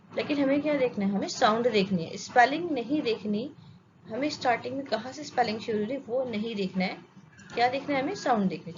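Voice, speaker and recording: A woman with an Indian accent runs an English grammar class, asking questions, supplying the answers and confirming her students follow along. Her voice is fairly high, and the dull lo-fi audio has faint ambience and a noisy background.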